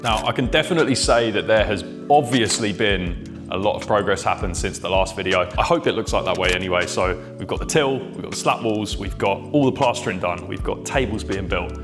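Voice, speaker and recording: Over music, a man speaks at a slightly fast clip in a fairly low voice. The vlogger and shop owner walks the camera through his shop mid-fit-out, talking informally and padding his explanations with fillers.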